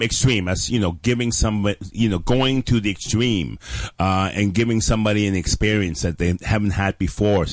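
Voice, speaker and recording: A man's voice: fairly low pitch, dry recording. Man, from Canada, chef guest, rambling chatty manner, dry close sound. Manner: chatty, peppered with "you know", laughs at own jokes. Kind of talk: radio interview.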